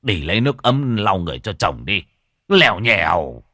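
A man voicing a gruff, bossy old village sorcerer who barks orders loudly. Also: sits low, big pitch swings, moderate pace, no room sound, studio quality, exaggerated voice. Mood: scolding. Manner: loud, barking orders.

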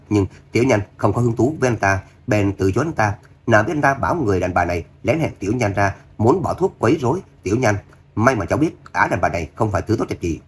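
A man's voice: on the low side, slightly rough. A man voicing a fiercely loyal, hot-tempered young woman in an audiobook. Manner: angry, panting.

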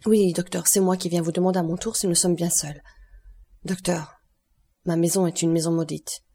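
An anguished middle-aged magistrate, read by a woman in an audiobook, his urgent lines raised a little above her narration. The voice stays dark and slightly husky throughout. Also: on the low side, fairly even intonation, moderate pace. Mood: desperate.

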